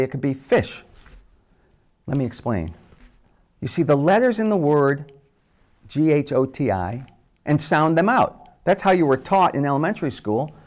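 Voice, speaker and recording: A man hosting a scripted talk on wordplay, playfully spelling out letters slowly for emphasis. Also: a little high, a little mellow. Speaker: host.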